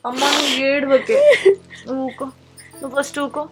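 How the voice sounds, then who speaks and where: A woman's voice: sits high, level tone, fairly quick, over loud music, natural voice. An actress playing a young pregnant daughter, soothing and reassuring her grieving parents.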